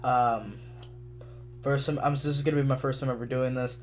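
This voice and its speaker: A man's voice: medium pitch, steady tone, normal speed, darkish tone, slight background noise. A man hosting a vlog, introducing a reaction video with a cheap webcam mic, hesitant and full of ums. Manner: hesitant, lots of ums, self-correcting. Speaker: vlog host.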